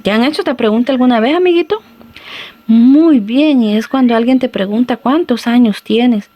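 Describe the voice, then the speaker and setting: A woman teacher giving a recorded lesson to schoolchildren, talking slowly and patiently and calling them little friends. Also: a little high, expressive. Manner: slow, patient, addressing children warmly as little friends. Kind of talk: recorded classroom lesson for children.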